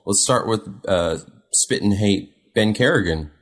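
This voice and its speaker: A man with a low, deep voice hosts a casual podcast chat. He is relaxed and chuckles as he leads introductions and moves the talk along between friends. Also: measured pace. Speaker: podcast host.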